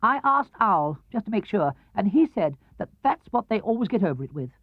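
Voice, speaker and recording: A man voicing a bossy, self-assured rabbit in a children's storybook, brisk and emphatic. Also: high voice, very animated, dry recording, pitched above the performer's own voice. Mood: confident, explaining. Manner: brisk, emphatic, explaining with authority. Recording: muffled 1970s cassette-era recording.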